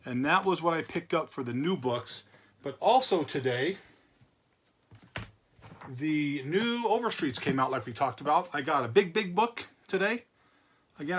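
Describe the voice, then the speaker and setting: A man's voice: fairly high pitch, fairly bright tone. A man hosting a casual vlog, rambling in a chatty way with repeated words and many fillers. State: recovering from illness. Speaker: comic book channel host. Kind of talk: casual chat to camera.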